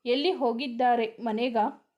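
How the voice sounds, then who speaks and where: A loyal young male friend from a spoken story, played by a woman reading. He sounds worried and urgent, then reassuring, in a fairly high voice. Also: fairly even intonation, unhurried, highs cut off, natural voice.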